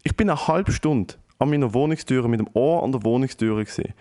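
A young man with a Swiss German accent, talking at a middle pitch. He tells an anecdote in a loose, animated way. He swears freely and drops English slang into his sentences. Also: a little fast. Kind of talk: casual storytelling chat.

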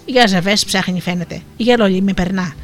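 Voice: mid-range voice, fairly bright tone, faint music behind, lightly acted. A storyteller voicing a sly, cunning female fox, wheedling and moaning theatrically, in an Asia Minor Greek dialect.

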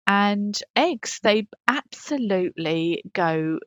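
A British woman plays a chatty, dog-owning pop singer who answers fan questions in a comic, in-character advice segment, rambling matter-of-factly like a podcast host. Her mid-range voice is expressive and slow-paced, with no echo.

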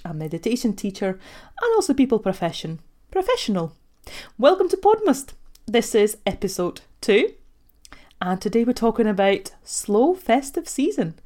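A woman in her thirties from Latvia, Russian being her first language, talks alone into a podcast mic as a life coach. Her delivery is gentle and reflective, with frequent soft laughs. Her voice sits at an ordinary middle pitch. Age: 30s. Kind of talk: solo podcast monologue.

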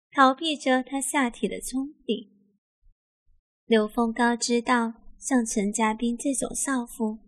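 A woman narrating a scripted erotic story in a slow, even reading voice. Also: a little high.

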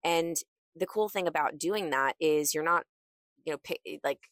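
A woman's voice: sits low, moderate pace, fairly bright tone, no room sound, studio quality. A woman podcast host talking casually from inside a closet, in a chatty, emphatic, motivational manner. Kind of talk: casual solo podcast talk.

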